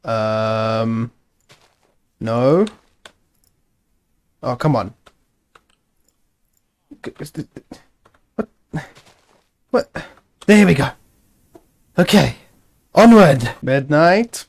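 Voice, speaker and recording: A man's voice: medium pitch, sing-song, drawn-out words, long pauses. A man hosting a gaming video, giving casual gameplay commentary, chatty and self-narrating with wry asides.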